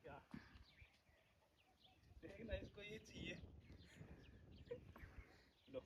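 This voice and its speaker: A man with a hoarse, scratchy throat narrating a casual outdoor vlog as he walks over dunes and up a forested hill, chatting to his viewers. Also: sits high, extremely slow. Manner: chatty, keeps calling viewers "brother". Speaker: vlogger.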